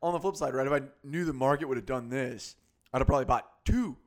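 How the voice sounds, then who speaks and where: A man's voice: medium pitch, fast. Laid-back man hosting a car podcast. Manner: self-deprecating, laughs often, animated asides. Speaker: podcast host. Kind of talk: casual car chat.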